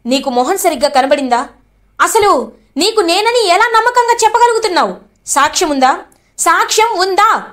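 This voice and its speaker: A woman playing a sly male schemer, high-voiced and defiant; storybook villain. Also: expressive, moderate pace, pauses often, a bit bright. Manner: defensive, sly. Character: scheming man, smooth-talking villain.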